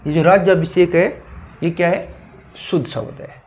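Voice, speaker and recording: This man's high-pitched, slightly mellow voice moves at a moderate pace with fairly even intonation. Teaching grammar, he calls out a word, asks what it is, and answers it himself again and again, drilling spellings.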